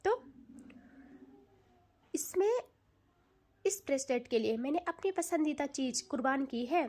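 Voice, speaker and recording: A woman's voice: sits high, lively intonation, unhurried, a little mellow. A woman voicing a possessive, teasing young woman in an audio love story, bossy and playful.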